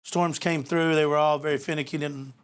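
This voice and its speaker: A man's voice: on the high side, fairly even intonation, a little fast. A man co-hosting a live talk show, answering casually in short polite replies. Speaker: co-host.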